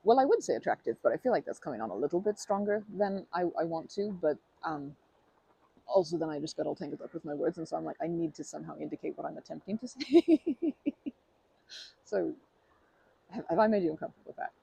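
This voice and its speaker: This low-pitched woman talks fast and animatedly, her warm tone touched with vocal fry and slight roughness, captured in a rough recording. Playing a friendly stranger in an ASMR roleplay, she rambles to the listener hesitantly, restarting and correcting herself in an earnest, chatty way, with light laughs and a friendly, earnest manner.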